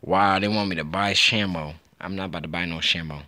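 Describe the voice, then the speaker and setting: A young man giving casual, excitable gameplay commentary, trash-talking and laughing as he plays. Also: sits low, brisk. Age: young adult. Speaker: gaming YouTuber.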